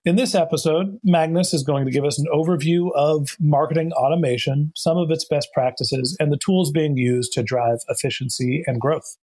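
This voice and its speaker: Upbeat man hosting a podcast, higher voice. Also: moderate pace, hardly any pauses, darkish tone. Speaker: podcast host. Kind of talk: podcast hosting and sponsor read.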